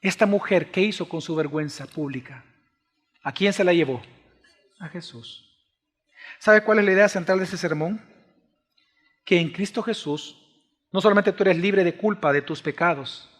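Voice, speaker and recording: A Salvadoran man preaching a passionate sermon as pastor, swinging between loud exclaims and hushed pleas. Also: fairly high pitch, moderate pace, long pauses. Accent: Salvadoran Spanish. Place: church sanctuary. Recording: long church reverb.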